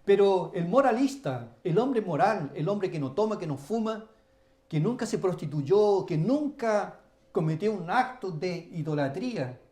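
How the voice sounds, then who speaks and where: A man's voice: high voice, lively intonation, unhurried, darkish tone. A man, a pastor preaching a sermon with emphatic, repeated lists of phrases.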